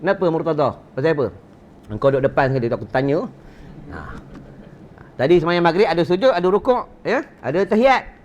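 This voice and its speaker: At a mosque gathering, a Malaysian Malay-accented religious teacher gives a lecture in a slightly high, animated voice, speaking briskly and pausing often. He quizzes the crowd, jokes, and poses rhetorical points, on a dull, low-fidelity recording.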